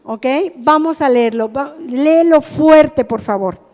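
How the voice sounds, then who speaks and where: A woman's voice: high-pitched, slow pace, darkish tone. A woman with a Mexican accent preaching to a group, often asking them questions. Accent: Mexican Spanish. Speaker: teacher at a rehab ministry. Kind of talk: sermon to a group. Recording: hall reverb.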